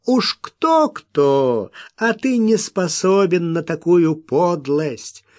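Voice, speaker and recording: A man's voice: fairly high pitch, lively intonation, extremely slow, a little mellow, voice pushed up. A man voicing a stubborn, teasing young prospector who mocks his rival. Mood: pleased. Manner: stubborn, mocking.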